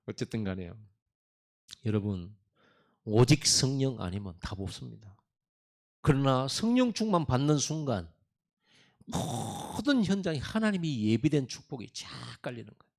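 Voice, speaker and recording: Middle-aged pastor guy preaching, voice jumps way up and down, lively chatty sermon. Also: medium pitch, a little slow, pauses often. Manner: animated preaching, laughing asides.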